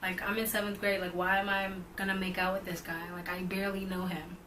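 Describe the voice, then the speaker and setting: A young woman co-hosting a couple's vlog tells a storytime casually and animatedly, saying "like" constantly as her excitement builds. Her voice is mid-range and quick, with a noisy background.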